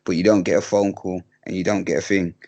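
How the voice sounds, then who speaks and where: Low-voiced man, interview guest, hesitant delivery full of fillers and restarts. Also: little pitch movement, a little mellow. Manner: hesitant, halting, many fillers. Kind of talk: candid interview talk.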